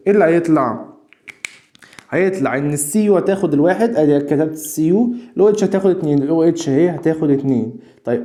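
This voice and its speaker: A man's voice: high-pitched, warm tone. A man with an Egyptian accent teaching a chemistry lesson. He keeps repeating his questions so that students can finish them. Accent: Egyptian Arabic. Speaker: science teacher. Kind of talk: classroom lesson video.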